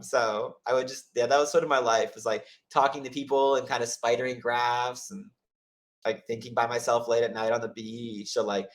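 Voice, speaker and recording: Rambling man telling stories. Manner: rambling, heavy use of "like" and restarts; acts out quoted voices with lively pitch jumps. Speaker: host of office hours. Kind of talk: casual storytelling chat.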